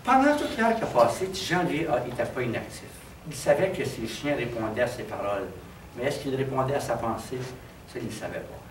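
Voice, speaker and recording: A man with a Québécois accent telling a traditional folk tale in an animated, dramatic way. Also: mid-range voice, a little fast, background noise. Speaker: storyteller. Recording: roomy, distant mic, faint background.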